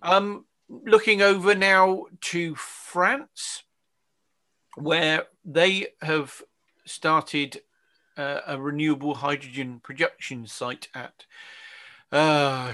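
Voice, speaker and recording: A man co-hosting a relaxed news chat, with a bright, forward voice. He talks loosely and jokes at his own expense. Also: on the high side, very slow. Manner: jokey, self-mocking, chatty. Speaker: podcast co-host.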